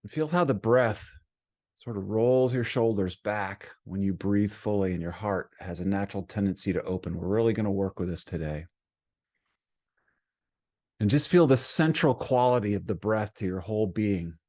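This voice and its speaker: Leading a guided meditation as its teacher, a man talks in soft, calming short phrases, pausing often. His voice sits on the lower side.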